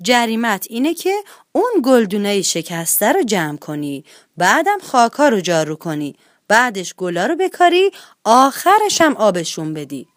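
A woman voicing a grumpy old uncle in a children's story, with a gruff, scolding manner. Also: mid-range voice, sing-song, no echo, studio quality, lightly acted. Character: grumpy old uncle, cross then kind.

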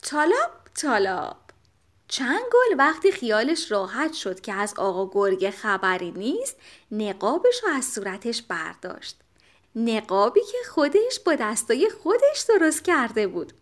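A woman narrating a children's story in an animated, expressive way. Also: fairly high pitch.

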